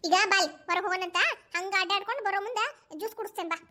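A woman's voice: very high-pitched, fairly even intonation, very fast, pushed and bright. A woman doing a fussy old Dharwad granny. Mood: coaxing. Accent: Dharwad Kannada. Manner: coaxing, bossy chatter. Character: fussy doting old grandmother.

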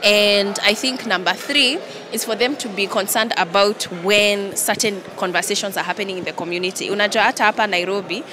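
A woman's voice: medium pitch, a little fast, hardly any pauses. A young woman with a Kenyan accent giving an interview into reporters' microphones, switching between English and Swahili. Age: young adult. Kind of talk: on-the-spot media interview. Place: large indoor event hall. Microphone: handheld reporters' microphones. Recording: clear background noise of busy hall.

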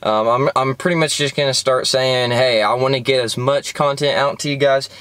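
A man's voice: mid-range voice, steady tone, normal speed, a bit bright, smooth, no room sound. A young man vlogging about fishing from a parked car, rambling casually with lots of fillers. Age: young adult. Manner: chatty, rambling, many fillers. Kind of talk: casual vlog commentary.

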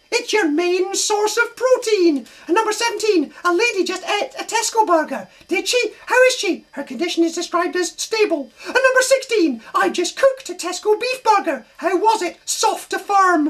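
A man voicing a silly, cheeky sock puppet comedian in a squeaky Scottish falsetto, trading jokes in brisk patter. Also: bright, forceful tone, full character voice. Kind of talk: puppet comedy double act.

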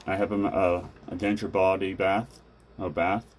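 A middle-aged man with a deep, low-pitched voice talks casually while speaking with new dentures. He rambles and restarts, filling gaps with "um" and "uh" as he reassures the viewer. A faint background hum sits under his voice. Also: little pitch movement, normal speed. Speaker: vlogger sharing a recovery journey. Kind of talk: casual first-person advice.

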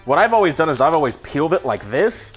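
A young adult man with a fairly high voice hosts a cooking vlog from his home kitchen, reviewing a meal kit. Slightly drunk, he talks fast and very animatedly, tossing in wry, grumbling asides. He wears a lapel mic, and faint music plays behind him.

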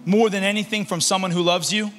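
A young youth pastor delivers an energetic sermon to a youth conference from a large concert-hall stage, pacing and gesturing as he speaks into a handheld mic. He switches between shouted emphasis and low, soft asides, keeping a steady tone at a quick pace. The hall is reverberant, with faint music underneath.

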